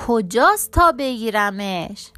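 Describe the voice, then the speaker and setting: A woman voicing a hungry, gullible male cat in a children's storybook, with drawn-out meows and a slow, loud delivery. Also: fairly high pitch, big pitch swings. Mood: greedy.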